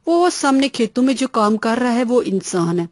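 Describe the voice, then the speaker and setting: A woman's voice: on the high side, big pitch swings, darkish tone, no room sound, studio quality. A woman voicing a mild farm cow. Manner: mild, amused. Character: gentle female farm cow.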